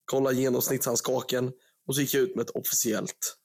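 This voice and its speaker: En ung man från Sverige som programledare i en podcast, pratar livligt och skämtsamt med svordomar. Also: mid-range voice. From Sweden. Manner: animated, joking, swearing storyteller. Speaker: podcast host. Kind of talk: casual chat.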